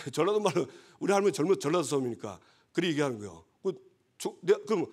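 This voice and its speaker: A man's voice: fairly high pitch, sing-song, fast talker, breathy edge. A male pastor gives a conversational sermon and often checks that the congregation agrees.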